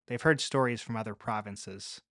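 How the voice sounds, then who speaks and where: A man voicing a calm, resourceful young woman survivor, speaking low and matter-of-fact. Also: moderate pace, no room sound, clean studio sound, close to an everyday voice. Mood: guarded.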